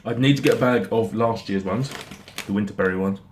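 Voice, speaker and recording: A man giving a casual snack review in a halting, rambling way, often repeating himself. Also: on the low side. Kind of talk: casual product review chat. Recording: noticeable background noise.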